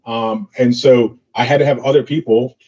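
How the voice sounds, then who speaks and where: The audio is dull and lo-fi, carrying a man's steady, darkish mid-range voice at a normal speed. He's an entrepreneur guest casually recounting business anecdotes in an interview, loose and heavy on fillers.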